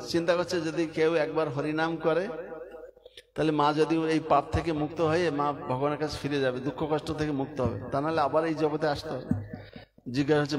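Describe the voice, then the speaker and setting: A man preaches a devotional sermon, with a voice a little higher than most men's. He tells stories to the gathering and leads them in chanting. The clear murmur of a crowd sits behind him.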